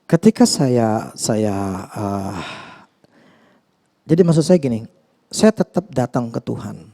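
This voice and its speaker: Male pastor, earnest and confessional, mid-pitched mellow voice, chatty sermon delivery. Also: big pitch swings, slow, creaky. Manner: conversational, hesitant with many fillers and restarts.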